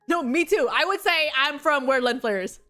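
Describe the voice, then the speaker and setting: High-voiced giggly young woman streamer. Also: animated, normal speed, sharp tone, soft background music. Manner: rambling and giggly, with frequent laughs and filler words. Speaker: VTuber streamer. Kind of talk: casual chat stream, storytelling.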